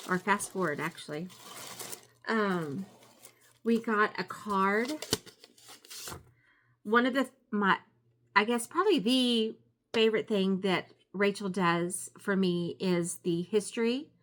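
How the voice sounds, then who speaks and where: A woman chatting casually in a show-and-tell craft vlog, gushing appreciatively over the things she shows. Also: mid-range voice. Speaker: craft vlogger.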